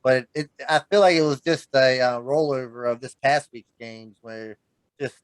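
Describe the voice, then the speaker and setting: A man's voice: mid-range voice, moderate pace, clean tone, no echo. A man co-hosting a fantasy football podcast, talking in a laid-back, hesitant way and laughing easily. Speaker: podcast co-host. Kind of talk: casual sports chat.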